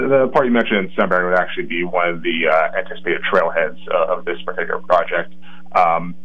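A man who is a county planning coordinator, calling in by phone to a radio interview and explaining carefully with frequent rephrasing. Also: low-pitched. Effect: heard over a phone line. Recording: muffled lo-fi phone line.

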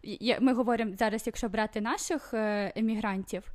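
A woman's voice: a little high, steady tone, fairly quick. A woman chatting casually as a guest, talking in a loose way full of fillers and restarts. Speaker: podcast guest living in Sweden. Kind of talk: casual chat.

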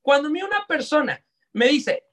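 A young Mexican man with a Mexican accent, giving live online sales coaching in a lively, slangy way that talks straight to his audience. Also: extremely high pitch, normal speed. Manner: energetic, slangy, addresses audience directly. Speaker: sales trainer.

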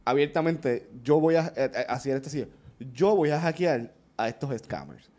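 A man, co-hosting a podcast and telling stories in a casual, animated chat full of swearing. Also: a little high, normal speed. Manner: animated storytelling, swears often. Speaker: podcast co-host.

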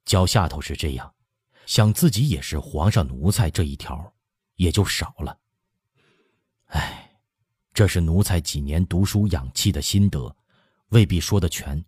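A man's voice: sits low, lively intonation, a little slow, pauses often, darkish tone, slightly rough, dry recording, clean studio sound, full character voice. Man reading as a humbled young noble general. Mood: contrite. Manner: earnest, self-reproaching confession.

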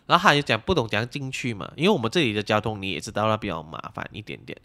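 A woman with a Malaysian Mandarin accent chatting on a podcast, telling an anecdote in an animated, exasperated way. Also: extremely low pitch, very fast. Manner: animated, exasperated storyteller who acts out the people she quotes. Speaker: podcast speaker. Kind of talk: casual chat, telling an anecdote.

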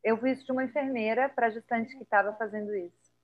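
A woman with a Brazilian Portuguese accent, a doula guest in a casual podcast chat, telling stories lively and acting out what people said. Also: on the high side, fast. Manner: lively storyteller acting out quoted dialogue. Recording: slightly dull lo-fi podcast audio.

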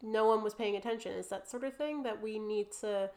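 A woman's voice: mid-range voice, fairly quick, a little mellow. A young adult woman with a New Jersey accent, an artist talking casually as a podcast guest, chatty and full of fillers.

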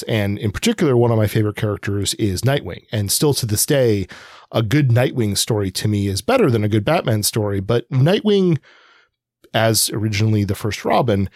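A man co-hosts a podcast, chatting casually about comics and frequently pausing to qualify his remarks. His mid-range voice is a little mellow, and the studio-quality recording has no echo.

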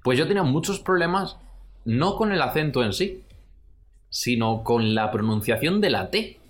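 A man's voice: medium pitch, moderate pace. A man from Extremadura hosting a podcast, chatty and telling anecdotes. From Extremadura, Spain. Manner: chatty, storytelling, animated. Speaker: podcast host. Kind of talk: casual chat.

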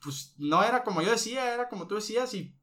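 Slangy Mexican man, bright voice. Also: sits high, expressive, fast. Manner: slangy and salty, with frequent "no?" tags. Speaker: teacher and podcast guest. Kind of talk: casual chat.

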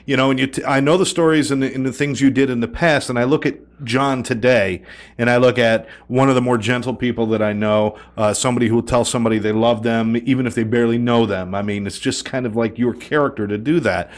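A man's voice: medium pitch, steady tone, fast talker. Affirming male interviewer, winding questions. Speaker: host interviewer. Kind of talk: supportive interview conversation.

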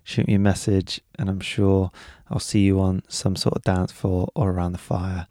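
A man's voice: deep voice, level tone, moderate pace, mellow, no room sound, studio quality. A man hosting a podcast in a casual, informal conversational style. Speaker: podcast host. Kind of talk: casual chat and informal announcements.

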